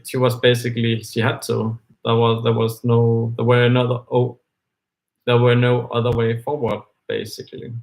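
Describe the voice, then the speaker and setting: A Danish man, a native Danish speaker, muses aloud in halting English as co-host of a live book discussion. His medium-pitched voice is full of fillers and restarts as he thinks out loud in this casual conversation, and the audio quality is poor.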